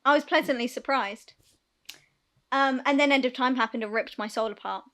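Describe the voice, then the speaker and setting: A young woman chats casually on a podcast, her voice high and ringing with brightness. She tells stories with lots of animation, acting out the scenes as she goes. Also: normal speed. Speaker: podcast co-host. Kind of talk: casual chat.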